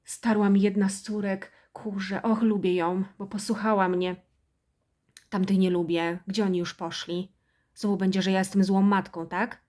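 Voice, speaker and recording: A woman playing a self-pitying, house-proud, harsh middle-aged mother in a satirical character monologue, nagging and turning shrill when she scolds. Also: flat delivery, moderate pace, darkish tone, natural voice.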